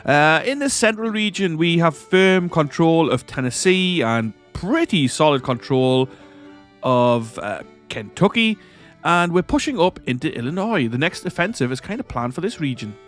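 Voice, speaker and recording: Stuffed up from a cold, a man hosts a let's-play of a strategy game, rambling through casual commentary, correcting himself and chuckling often. His fairly bright voice is a little high with big pitch swings at normal speed, over soft background music.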